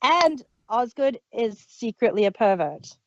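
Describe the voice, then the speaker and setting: This woman's slightly high voice is very animated yet unhurried. Co-hosting a podcast about an audio drama, she chats casually, laughing often and breaking off mid-sentence, and the dry recording sounds muffled and dull.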